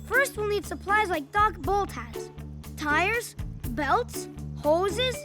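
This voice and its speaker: A woman's voice: very high-pitched, expressive, slow, over music, heavily acted. A woman voicing an eager young boy dump truck in a children's cartoon, bouncy and stubborn.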